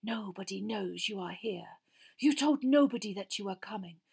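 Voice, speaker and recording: A woman voicing a cold, cruel dark lord in a storybook reading, with a whispery, slow and deliberate delivery. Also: a little high, lively intonation, heavily acted. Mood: cold menace. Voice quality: whispery, breathy.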